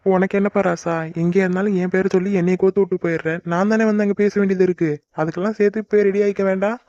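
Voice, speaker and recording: A man's voice: high voice, little pitch movement, rapid-fire, a little mellow, no echo, dull audio, lightly acted. A man voicing a young man in a cartoon who worries a lot and grumbles at his friend in exasperated banter. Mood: grumbling, fretful. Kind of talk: cartoon voice acting.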